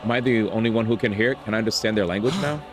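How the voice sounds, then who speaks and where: A man's voice: lowish voice, racing, lightly acted. A man reading an earnest young male hero. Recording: game music playing behind.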